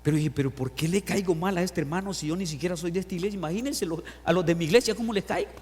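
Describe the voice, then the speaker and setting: A middle-aged male pastor delivers a lively sermon with a fairly high voice. He acts out scripture and asks his congregation questions. His voice rings with the long reverb of a church hall. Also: very fast. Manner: animated, acts out Bible quotes and stories, asks the congregation questions. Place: church sanctuary.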